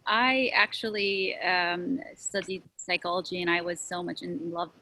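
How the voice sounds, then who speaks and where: A woman's voice: on the low side, steady tone, measured pace, sharp tone, low-quality recording. A woman, a therapist introducing herself earnestly over a video call. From Syria. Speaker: licensed therapist, panelist. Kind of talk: self-introduction on a panel.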